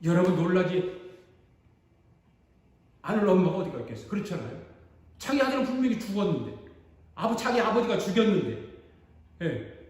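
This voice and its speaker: A man's voice: high voice, moderate pace, long pauses. A man, a pastor, telling a story dramatically during a sermon in a church sanctuary. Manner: animated, dramatic retelling. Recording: echoey church hall.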